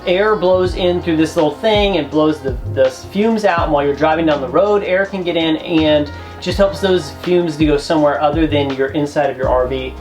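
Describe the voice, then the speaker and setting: A man's voice: on the high side, moderate pace, few pauses, soft background music. A man co-hosting a travel vlog, giving tips in a chatty, joking, emphatic way. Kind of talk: casual how-to chat.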